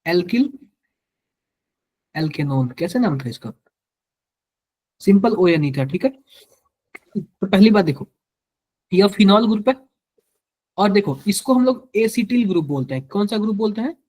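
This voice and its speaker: A man's voice: high voice, animated, measured pace, pauses often, darkish tone. A man with a Hindi accent teaching chemistry to a live class, quizzing students and repeating each answer to drill it in.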